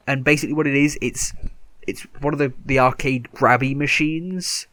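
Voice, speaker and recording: A man's voice: medium pitch, a bit bright, dry recording. A man hosting a casual gaming podcast, running through news in a rambling, self-correcting, upbeat way. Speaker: podcast host.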